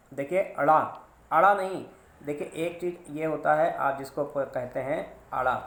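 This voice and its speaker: A man teaching a grammar lesson, explaining slowly and repeating sounds and terms with stress. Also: fairly high pitch, fairly bright tone. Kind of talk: classroom-style grammar lesson. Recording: echoey room.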